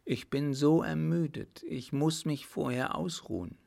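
Young French mademoiselle, put on by a male storyteller: raised pitch, plaintive and pouty, gravelly edge, slow. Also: steady tone, darkish tone. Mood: tired. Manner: pouting, plaintive. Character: spirited young French lady, lost in woods.

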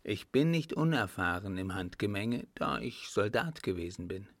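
A man voicing a calm, composed servant and former soldier who answers with quiet mockery in an audiobook reading. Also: on the low side, moderate pace, dry recording. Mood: cool mocking. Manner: calm, composed, faintly mocking. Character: cool-headed male ex-soldier servant, calm and mocking.

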